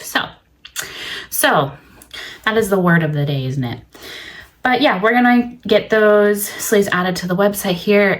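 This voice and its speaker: A woman in her thirties, a small business owner, chatting cheerfully in a vlog from her home studio, a little stuffy-nosed. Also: lowish voice. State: stuffy nose. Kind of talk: casual vlog narration.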